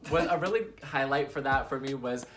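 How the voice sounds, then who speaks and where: A man co-hosting a casual chat review as a drag queen, chatty and quick to laugh. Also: mid-range voice, far from the mic, over music. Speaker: podcast co-host, drag queen.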